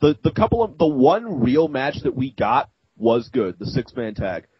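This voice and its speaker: A man's voice: medium pitch, sing-song, moderate pace, slightly rough, no room sound, highs cut off. A man co-hosting a podcast, eagerly jumping in with his take in casual chat. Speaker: podcast co-host. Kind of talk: casual chat recapping wrestling.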